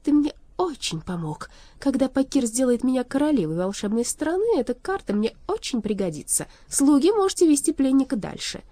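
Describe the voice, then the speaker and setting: Woman doing a sly scheming young sorceress, mocking, sweet and loud, storybook, mellow. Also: high voice, sing-song, fairly quick, hardly any pauses, no echo, pitched above the performer's own voice.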